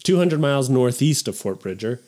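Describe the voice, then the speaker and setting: A man's voice: medium pitch, expressive, brisk, darkish tone. A man hosting a casual history podcast, reading from notes and laughing with friends. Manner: reads notes, laughs often. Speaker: podcast host telling history. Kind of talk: casual comedic history chat.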